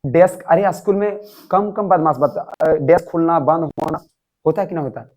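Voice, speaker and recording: Young male classroom teacher, high-pitched, animated lecturing with constant questions to students. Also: moderate pace, rough recording. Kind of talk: classroom lecture explaining an English story.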